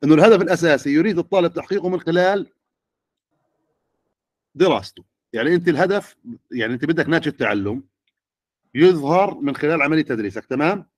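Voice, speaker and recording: A man's voice: a little high, expressive, fast, long pauses, dry recording, clean studio sound. A middle-aged man, lecturing teachers and often checking with the audience. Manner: questioning the audience.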